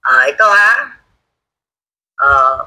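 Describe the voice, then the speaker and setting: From a home studio, a livestream host delivers scornful, combative political commentary and reads viewer comments aloud in a casual live format. The voice is medium-pitched, animated and sharp, spoken very slowly, on a low-quality recording.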